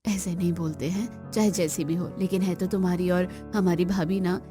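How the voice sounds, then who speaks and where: A woman voicing a gentle young sister-in-law in a cartoon, speaking softly and patiently. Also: on the low side, fairly even intonation, moderate pace, over music, lightly acted. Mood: soothing. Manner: soft, soothing, patient. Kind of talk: Hindi cartoon voice acting.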